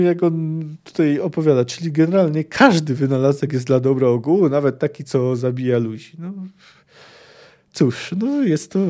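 A man's voice: fairly high pitch, mellow. A man hosting a book podcast, reading passages aloud and commenting on them in a thoughtful, hesitant way. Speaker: podcast host discussing a book.

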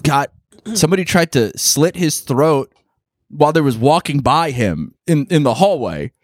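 A man's voice: a little high, moderate pace, dry recording, clean studio sound. A young man from Long Island telling stories in casual podcast chat, laughing often. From Long Island, New York. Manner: laughing, deadpan storytelling. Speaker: podcast co-host.

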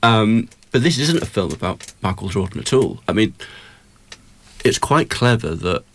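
A man's voice: on the low side, animated, moderate pace, a bit bright. A man giving a conversational film review as a critic, in a hesitant, wry way.

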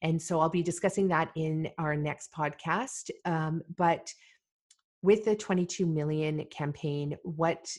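A woman from Malawi hosting a solo podcast, talking in an earnest, deliberate way with fillers and repeated phrases. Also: sits low, a little mellow. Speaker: podcast host.

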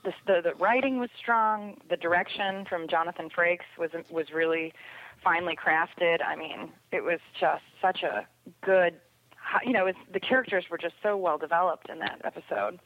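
A woman with a fairly low voice speaks at normal speed, chatting casually and emphatically about television as a podcast guest commentator on sci-fi TV. The conversation is an opinionated TV review chat over a remote call. The line sounds dull and phone-like, with no echo.

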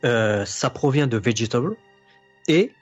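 A man's voice: medium pitch, expressive, unhurried, faint music behind. A man speaking as a podcast guest, explaining his views at length with frequent fillers and restarts. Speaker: guest YouTuber analysing anime. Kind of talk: casual podcast discussion. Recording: dull lo-fi recording.

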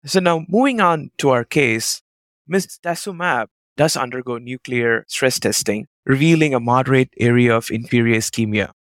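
A young man co-hosting a medical podcast, who summarizes the guest's points appreciatively and presents a clinical case clearly. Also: mid-range voice, normal speed, fairly bright tone, dry recording. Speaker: podcast co-host, cardiology fellow. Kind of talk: podcast interview.

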